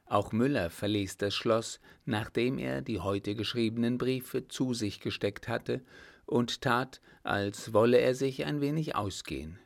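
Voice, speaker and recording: Slow, gravelly male audiobook narrator. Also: mid-range voice. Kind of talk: scripted narration.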